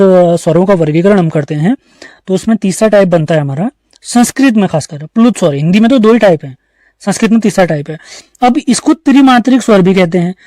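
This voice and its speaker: With an Uttarakhand Hindi accent, a man teaches an online exam-prep grammar class, explaining each step and asking questions he answers on his own. His voice sits high with a dark tone, recorded at studio quality with no echo.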